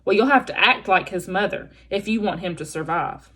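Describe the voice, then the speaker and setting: A woman's voice: mid-range voice, lively intonation, normal speed, a bit bright, breathy edge. A woman voicing a brusque old female goose in a storybook, blunt, scolding and practical. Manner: squawking, blunt.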